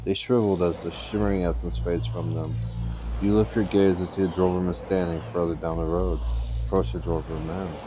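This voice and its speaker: Low-voiced man reading game text aloud. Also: fairly even intonation, moderate pace. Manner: reads narration aloud with small stumbles and offhand asides. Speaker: let's play gamer. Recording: audible background noise.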